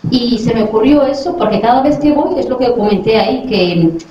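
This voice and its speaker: Talking to schoolchildren, a middle-aged woman from Western Sahara who works as a dentist stays friendly and keeps asking questions to make sure they follow. She sounds a little high, animated and slightly fast, with background noise, in a very echoey, far-off, dull lo-fi recording.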